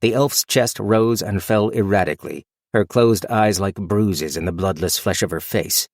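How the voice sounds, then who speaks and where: A man reading a fantasy audiobook as narrator in a steady, measured storytelling manner. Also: fairly low pitch, no room sound, studio quality. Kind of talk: scripted narration.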